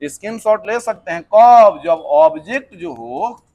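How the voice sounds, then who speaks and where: A man's voice: sits high, a little slow, muffled recording. A man teaching a physics lesson for exam preparation, mixing in English terms and answering his own questions. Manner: lively, mixes English terms, asks and answers himself.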